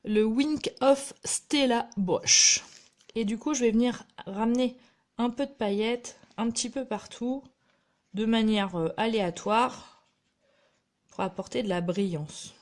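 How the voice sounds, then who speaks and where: A woman with a fairly high, darkish voice and measured pace runs a live craft tutorial, talking straight to her viewers. She's self-deprecating and apologizes often for small slips.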